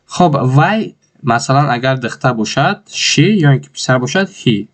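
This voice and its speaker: A man with a Tajik accent teaching an English lesson, repeating each phrase slowly word by word. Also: medium pitch, animated.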